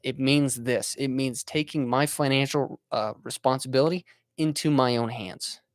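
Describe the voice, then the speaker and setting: This twentysomething man hosts a podcast in a casual monologue that is earnest and motivational, with many fillers and restarts. His medium-pitched voice has fairly even intonation and a moderate pace, captured in studio quality with no room sound.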